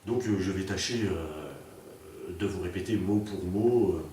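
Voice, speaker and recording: Comic storyteller, male, low voice, full of puns and restarts; mic far off in a booming room. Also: measured pace, warm tone. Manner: rambling, full of fillers and puns. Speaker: comedian. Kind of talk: rambling comic monologue. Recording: very echoey, distant, faint noise.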